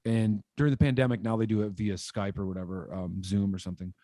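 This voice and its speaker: A guest musician in his thirties from Michigan, USA, tells stories during a casual interview. He is animated and rambling, leaning on lots of "like" fillers and gestures. His voice is on the low side and quick, recorded without room sound on a boom-arm studio mic over a video call from a room at home.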